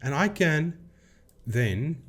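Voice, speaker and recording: Speaking extremely slowly in a slightly high, sing-song voice, a video host takes apart paranormal claims. He explains emphatically, repeating phrases for emphasis while guiding viewers through a screen demonstration.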